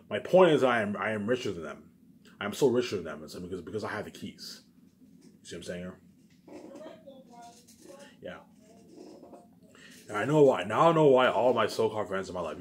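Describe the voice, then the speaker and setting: This low-voiced man is a video maker addressing his audience in a loose, meandering monologue. He's pushy and full of himself, repeating points again and again, and the recording carries a slight hiss or hum.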